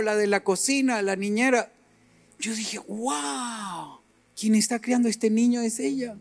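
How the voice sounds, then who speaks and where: A middle-aged man preaching a sermon, animated and rising to emphatic peaks as he acts out little scenes. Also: very high voice.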